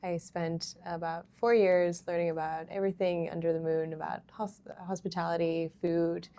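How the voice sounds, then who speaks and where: Low gravelly young woman, easygoing. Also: moderate pace. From Hong Kong. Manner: relaxed, many ums, laughs easily. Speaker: startup founder, interview guest. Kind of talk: casual interview.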